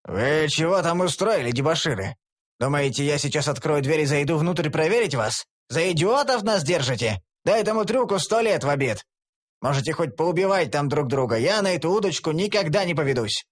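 A gruff male prison guard in a fantasy audiobook, as the male narrator puts him on. He jeers at the prisoners in a rough, mocking way, his pitch swinging widely. The voice stays close to the reader's own. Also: expressive, brisk.

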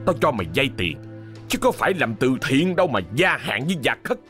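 A harsh, bullying rich landlord voiced by a man sneers and barks at poor peasants, his pitch climbing high and sharp when he shouts. The voice swings widely in pitch. Soft music plays behind the storytelling. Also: big pitch swings, a little fast. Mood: sneering. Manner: harsh, sneering, barking orders. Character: cruel scornful rich male landlord, bullying.

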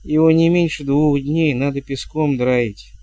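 A man voicing a chatty, bawdy old woman witch in a loud stage whisper. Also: on the high side, steady tone, unhurried, dry recording, dull audio, close to an everyday voice. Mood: scornful.

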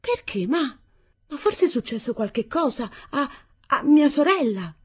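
A woman voicing an anxious young wife and new mother with a Neapolitan accent, worried and timid in a husky voice. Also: sits high, big pitch swings, measured pace, voice pushed up.

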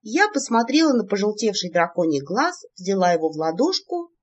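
A woman narrating a first-person story in an expressive, lively reading, in a dull lo-fi recording. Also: medium pitch, normal speed, breathy edge. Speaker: audiobook narrator.

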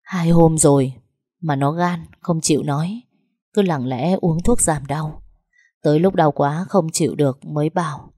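A woman's voice: low voice, a little slow, dark tone, husky, no room sound, studio quality. Woman voicing a humble aging father. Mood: weary. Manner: grateful, deferential. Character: older father, quiet and humble.

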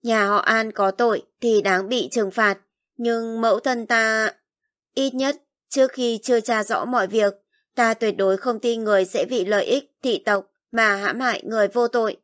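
A woman voicing a composed young noblewoman who speaks quietly, calmly and firmly, in audiobook narration. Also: fairly high pitch, normal speed, no room sound, clean studio sound, lightly acted. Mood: resolute. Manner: quiet, calm and firm.

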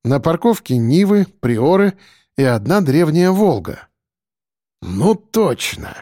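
A man reading an audiobook aloud as its first-person narrator, with an expressive storytelling delivery. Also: on the high side, measured pace, dry recording, studio quality.

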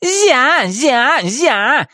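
A woman's voice: high-pitched, lively intonation, measured pace, fairly bright tone, no echo, studio quality, pitched above the performer's own voice. A woman voicing a furious, scolding old witch in an audiobook, shrieking and drawing out her angry words. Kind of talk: audiobook character voice.

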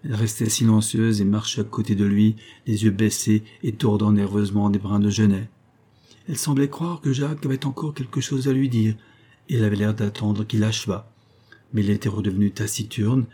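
A man narrating a classic short story in a measured, calm way. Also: fairly low pitch, husky. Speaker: audiobook narrator. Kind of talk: literary audiobook narration.

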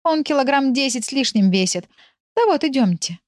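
A woman's voice: high-pitched, expressive, moderate pace, a little mellow, dry recording, studio quality, pitched above the performer's own voice. A woman reading an audiobook, voicing a talkative, flustered village woman who keeps complaining about her pets. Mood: chatty. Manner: exasperated, chatty, complaining. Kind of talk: audiobook character voice.

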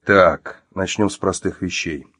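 A man's voice: fairly low pitch, normal speed, dry recording, studio quality, lightly acted. A man voicing an angry man who interrogates his ex-wife at gunpoint, growling and barking his questions in an audiobook. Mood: menacing.

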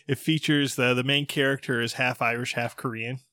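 A man's voice: mid-range voice, flat delivery, normal speed, sharp tone, dry recording, studio quality. A man co-hosting a podcast, chatting casually with lots of swearing and emphatic banter. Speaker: podcast co-host. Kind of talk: casual chat.

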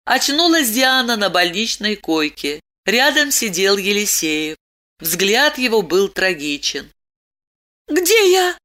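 A woman narrating a dramatic story in an expressive, tense reading. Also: medium pitch, a little slow. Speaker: audiobook narrator.

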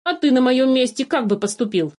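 A woman's voice: high-pitched, expressive, fairly quick, a little mellow, pitched above the performer's own voice. A woman voicing a small, sly male forest changeling who chatters cheerfully and wheedles without guilt. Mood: sly insistent. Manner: chirpy, wheedling, unbothered.

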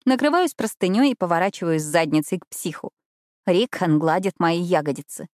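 A woman narrates a first-person romance audiobook in an intimate, expressive way. Her voice sits somewhat low, and the recording is dry and close to the mic. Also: fairly quick, no echo.

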